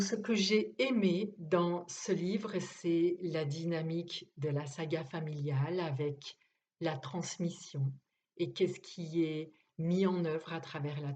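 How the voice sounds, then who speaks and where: A woman reviewing a novel and reading passages from it aloud, speaking haltingly with many pauses and fillers. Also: fairly low pitch, darkish tone, highs cut off. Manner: hesitant, halting, with frequent fillers. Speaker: book reviewer.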